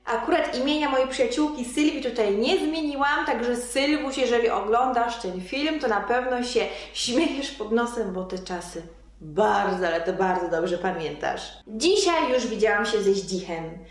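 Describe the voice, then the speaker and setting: A woman's voice: fairly high pitch, expressive, moderate pace, hardly any pauses, very echoey. A young adult woman vlogger reading her old diary aloud to viewers in a casual, chatty way. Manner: chatty, addresses viewers directly, reads entries with amused emphasis.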